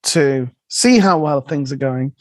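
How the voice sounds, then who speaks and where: A man's voice: mid-range voice, animated, unhurried, no room sound. A man with an English West Country accent, chatting casually as a podcast co-host.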